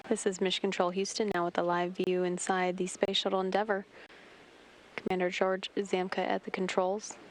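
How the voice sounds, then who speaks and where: Even-toned woman, mission control commentary. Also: medium pitch, rough recording. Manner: measured, formal announcing. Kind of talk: live factual spaceflight commentary. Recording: faint noise on broadcast feed.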